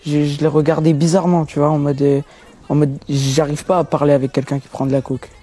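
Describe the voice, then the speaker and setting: A teenage man, answering interview questions about his rap career in relaxed street slang, often adding "tu vois" and repeating words for emphasis. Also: fairly high pitch, a little fast. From France. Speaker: young rapper interviewed. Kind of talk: casual interview talk.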